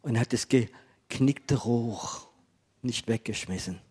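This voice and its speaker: A male preacher delivers a sermon in a mild, talkative manner. His voice has a slightly husky grain and sits at an ordinary pitch. He keeps drawing his listeners in with small questions. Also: slow. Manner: gentle, conversational preaching with rhetorical questions. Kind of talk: sermon to a congregation.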